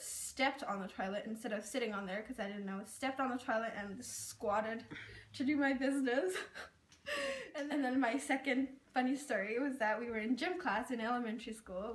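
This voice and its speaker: An interviewee sharing her experience, this young woman speaks Karen natively, grew up in Thailand and is originally from Burma. Her slightly high voice carries casual storytelling that's chatty and crowded with "like" and "um," captured from afar in a roomy space.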